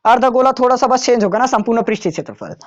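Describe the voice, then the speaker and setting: A man's voice: extremely high pitch, racing, dull audio. A man teaching a maths lesson to students in a classroom, in a casual way, often checking whether they have understood.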